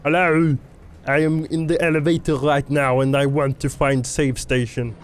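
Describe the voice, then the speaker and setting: A man's voice: a little high, little pitch movement, close to an everyday voice. An actor playing a man stuck in an elevator who is seeking a safe station, in game dialogue. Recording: faint noise behind.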